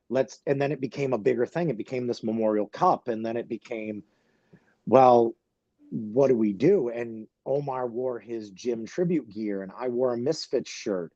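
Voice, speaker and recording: A man, a wrestler guest on a podcast, telling a story in halting speech full of fillers and restarts, close to tears. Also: mid-range voice, dark tone, no echo, dull audio. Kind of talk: emotional podcast interview.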